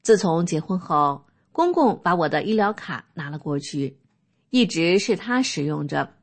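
A woman reading a first-person personal testimony aloud in a calm, steady manner. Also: on the low side, normal speed. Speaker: narrator.

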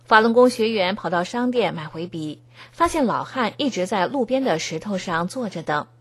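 A woman reading scripted news narration in an even, formal tone. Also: mid-range voice, moderate pace, slightly rough. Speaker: news reader.

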